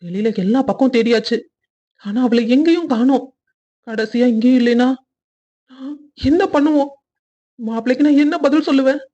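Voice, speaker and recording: A woman's voice: sits high, moderate pace, pauses often, mellow, highs cut off. A woman voicing an anxious, protective old grandfather in a cartoon story, speaking in a reassuring way. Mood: worried.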